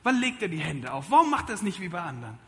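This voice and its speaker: A man delivers an animated sermon, pressing his points hard and then dropping to a hushed appeal. His voice sits high for a man. The sound carries a long reverb from a church hall. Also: very fast. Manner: lively, emphatic preaching with shifts from loud to quiet. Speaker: pastor. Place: church service.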